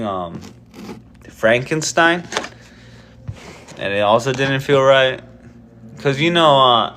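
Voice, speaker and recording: A man in his twenties with a bright, forceful voice, rambling casually to his viewers before a live reading. He meanders and pokes fun at himself, restarting sentences and filling gaps with "um" and "uh". A faint hiss of noise sits underneath. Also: medium pitch. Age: 20s. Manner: meandering, self-deprecating, lots of fillers and restarts. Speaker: live-stream book reader.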